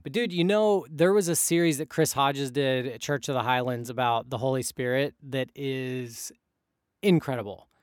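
A young man co-hosting a casual podcast, talking in a relaxed, rambling way with plenty of fillers and restarts. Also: mid-range voice, normal speed, no echo, studio quality. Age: young adult. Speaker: podcast co-host.

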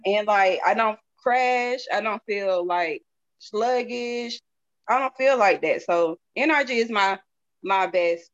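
Slowly and at a medium pitch, a woman with a Southern accent from the southern US chats as an interview guest about a product she sells. It's a casual, candid, folksy testimonial where she repeats phrases for emphasis, captured in dull, lo-fi audio.

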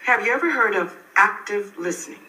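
An actress playing an earnest, soothing parenting counselor in a sitcom, heard as TV audio played back in a room. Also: female voice, medium pitch, expressive, pushed and bright, distant mic. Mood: calm. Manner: soothing, slow, instructive. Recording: roomy TV audio played from afar.

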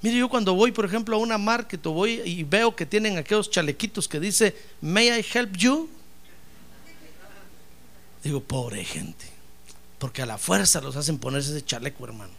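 A man preaching a fervent sermon as pastor, calling out to his listeners as brothers and breaking into loud praise. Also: sits high, animated, fast talker, vocal fry, hardly any pauses. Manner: bursts into loud praise shouts.

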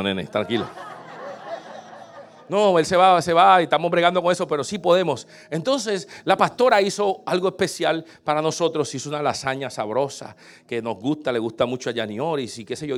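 A man pastor preaching a sermon, telling a homey story and building up to fervent shouting. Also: medium pitch. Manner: animated storytelling, rising to shouts.

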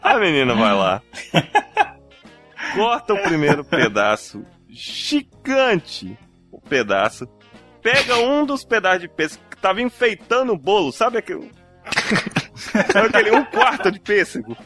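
A young Brazilian man with a Brazilian Portuguese accent spins a comic tale in casual chat. His voice sits high and swings widely, with a bright, crisp edge, and he jumps into the voices of the people he describes. Faint music runs underneath. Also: unhurried, pauses often. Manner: animated, acts out voices in his stories.

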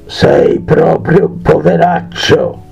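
A man voicing a brutish bandit chief in a fairy tale, deep and gruff. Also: wildly swooping pitch, slow, a little mellow, faint music behind, heavily acted.

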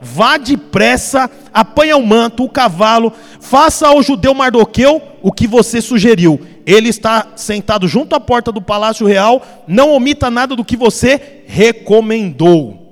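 A man acting out an ancient king who gives slow commands. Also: very high voice, expressive. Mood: commanding. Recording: long reverb, soft music behind.

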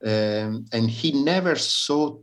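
A man from southern Italy with an Italian accent, answering interview questions haltingly and searching for his words in English. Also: medium pitch, animated. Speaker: interviewee, harpsichordist. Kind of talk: interview answers on music history.

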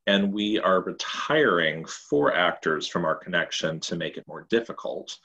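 Deep-voiced man co-hosting a chat. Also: unhurried, bright, forceful tone, lo-fi sound. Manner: explains game rules plainly, chatty. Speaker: podcast co-host. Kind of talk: casual chat.

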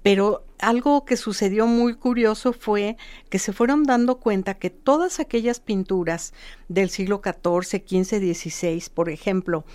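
A woman, a guest expert explaining history in lively, casual conversation, often tagging lines with a questioning "no". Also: medium pitch, unhurried. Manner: lively storytelling with repeated "¿no?" tags.

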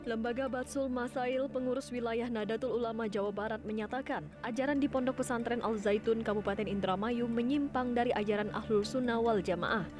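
A woman reading television news narration in a formal, measured way. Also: a little high, steady tone. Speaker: news presenter. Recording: studio voice-over with music behind.

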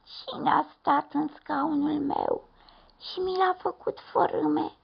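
A woman voicing a tiny little bear cub with a thin, squeaky voice, in a dull lo-fi recording. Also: steady tone, vocal fry. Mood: indignant.

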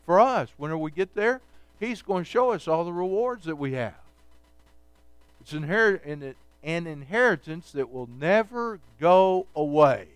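A male pastor teaching a Bible study in a relaxed, conversational preaching style, pausing often to check in with his listeners. His voice sits a little high and sounds smooth and resonant. The recording is dry, with little room sound. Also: no echo. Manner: conversational preaching with frequent checks like okay and all right.

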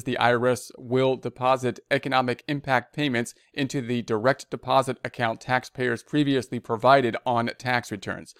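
A man's voice: medium pitch, clear, resonant tone, dry recording, clean studio sound. A man reading a news release aloud and explaining it in plain words, with fillers and restarts. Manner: reads text, then adds plain explanations with fillers and restarts. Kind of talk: reading aloud with casual commentary.

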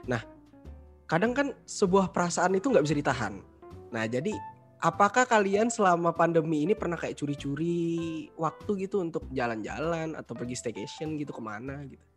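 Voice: medium pitch, animated, moderate pace, soft background music. A casual podcast host leads a talk between friends, with a voice in a middle range. The host is chatty, throws in short reactions and moves the talk on with questions.

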